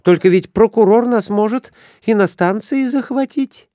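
A man's voice: sits high, moderate pace, mellow, no room sound, studio quality, voice pushed up, close to an everyday voice. A man voicing an anxious middle-aged wife, worried and fussing.

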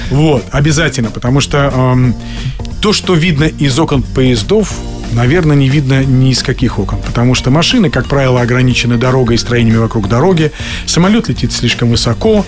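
A man's voice: mid-range voice, lively intonation, fairly quick. Guy in his 50s on a radio show, rambling and joking, studio mic with music underneath. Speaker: actor guest on a radio show. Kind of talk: casual radio interview chat.

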